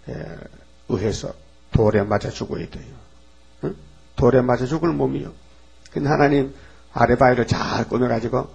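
A male pastor preaches in a blunt, folksy way. His voice is husky and somewhat breathy, at a middling pitch for a man. He keeps throwing short questions at the congregation. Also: a little mellow, muffled recording. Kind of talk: sermon.

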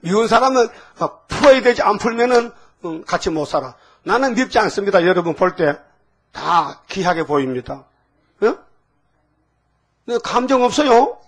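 A man's voice: high voice, lively intonation, normal speed, breathy edge. An older man preaching a sermon to his congregation in a folksy, teasing way, often tossing questions back to the listeners. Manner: folksy, call-and-response, asking the congregation "응?". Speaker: pastor.

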